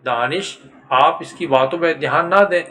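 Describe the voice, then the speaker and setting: A man's voice: fairly high pitch, pushed and bright. A man doing a defiant frightened young woman. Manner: tearful, angry defiance.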